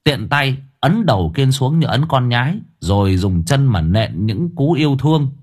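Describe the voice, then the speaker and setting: A man narrating an audiobook story in a lively, animated way. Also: medium pitch, normal speed, breathy edge.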